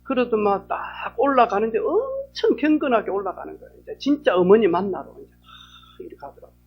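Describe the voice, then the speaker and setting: A male pastor tells a story in his sermon. He is lively and full of sound words, with a slightly husky voice. The church recording is dull and lo-fi. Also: high voice, a little fast.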